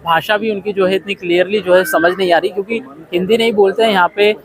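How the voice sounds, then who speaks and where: A man's voice: high voice, steady tone, quick pace, a crowd in the background. Chatty Indian male travel vlogger. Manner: chatty, rambling, frequent fillers. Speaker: travel vlogger and yoga teacher. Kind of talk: casual travel vlog narration. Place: outdoors by a lakeside ghat.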